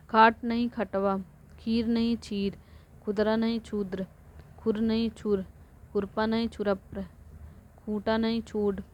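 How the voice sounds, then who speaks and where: Slow, flat-voiced woman teacher. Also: a little high, lo-fi sound. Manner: slow, repetitive reading of word pairs with self-corrections. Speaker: Hindi teacher. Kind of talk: exam-prep vocabulary drill.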